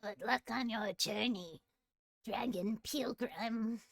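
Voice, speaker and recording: Slow, higher-voiced deadpan woman player. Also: gravelly. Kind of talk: casual tabletop play.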